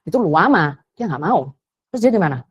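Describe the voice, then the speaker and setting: A woman's voice: lowish voice, very animated, brisk, breathy edge, lo-fi sound. A woman, giving a chatty parenting talk and slipping into English phrases. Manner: chatty, mixes English phrases, acts out quotes. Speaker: parenting educator.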